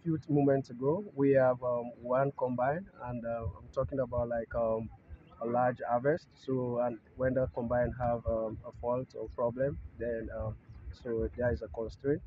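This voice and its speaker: A man's voice: mid-range voice, steady tone, moderate pace, phone-quality sound, a little hiss or hum. Hesitant man interviewed in a field. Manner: hesitant, many ums, plain explanatory. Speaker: farm company CEO. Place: open rice field outdoors.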